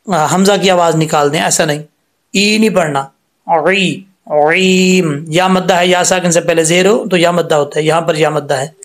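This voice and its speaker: Man teaching tajweed, slow drawn-out recitation. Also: high voice. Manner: explains patiently, then recites words slowly with drawn-out vowels. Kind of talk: step-by-step tajweed lesson.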